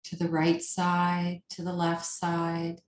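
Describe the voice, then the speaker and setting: The yoga nidra teacher's delivery is completely flat as she guides a meditation, very slow and unhurried in a slightly low voice. Pauses fall between her short, soothing phrases, which echo through a roomy space.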